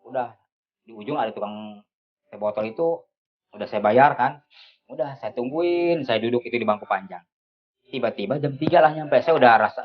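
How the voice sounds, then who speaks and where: A man telling his personal testimony to a church audience, animated and repeating phrases for emphasis. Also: medium pitch, highs cut off.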